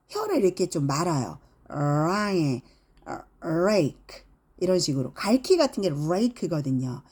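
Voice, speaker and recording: A woman's voice: mid-range voice, a little mellow. A middle-aged woman teaching English phonics, demonstrating each sound with exaggerated examples. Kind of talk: phonics lesson.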